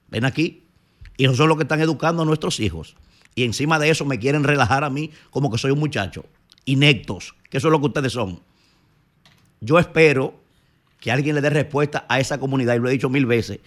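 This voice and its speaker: A man with a Dominican Spanish accent, speaking as a radio commentator in the middle of his range. His delivery is indignant and emphatic, and he scolds as he drives his points home. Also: medium pitch. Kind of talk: opinion commentary.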